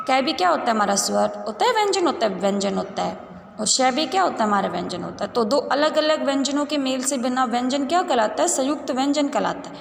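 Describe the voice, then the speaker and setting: Young woman teacher, high gravelly voice, asks the kids stuff then answers it herself, roomy echo. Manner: patient, asks and answers her own questions, calls pupils "beta". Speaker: school teacher. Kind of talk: Hindi grammar lesson for young children. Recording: roomy echo with faint background noise.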